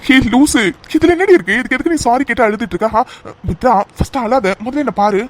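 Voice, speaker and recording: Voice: medium pitch, lively intonation, fast talker, lightly acted. A voice actor playing an affectionate young man in a cartoon love story, coaxing and pleading with his fiancée to stop crying. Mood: fond concern. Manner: coaxing, pleading and playfully bossy. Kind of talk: cartoon voice acting.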